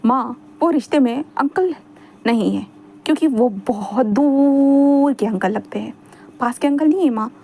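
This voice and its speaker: A woman's voice: sits high, a little slow, mellow. A woman voicing a dramatic, clingy young man who pleads, whines and schemes in a read-aloud fan fiction story. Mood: wheedling. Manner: whiny, pleading, theatrical.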